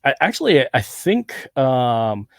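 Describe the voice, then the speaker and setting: Heard in a clean, dry studio recording, this podcast host talks casually in a mid-range voice. He comes from Southern California and has a laid-back accent with hints of Hawaii, and his manner is relaxed and rambling, always quick to agree.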